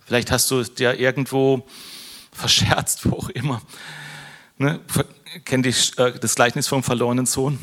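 A man's voice: medium pitch, flat delivery, moderate pace, fairly bright tone. Male pastor, middle-aged, casual sermon, conversational, frequent tag questions, wry humor. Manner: conversational, tag questions "ne?" after most phrases, self-deprecating humor.

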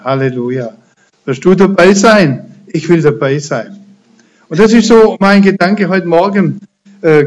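A man preaching a sermon and praying aloud, halting, with many fillers and restarts, then rising to fervent emphasis, on a dull lo-fi recording. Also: on the high side, a little mellow.

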